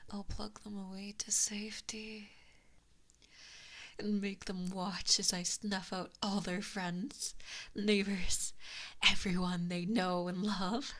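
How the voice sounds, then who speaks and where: In a slow ASMR roleplay recorded on a close binaural microphone, a woman with a mid-range voice plays an evil giant fox spirit with a possessive streak. She whispers soft and breathy, her sweetness laced with mocking menace.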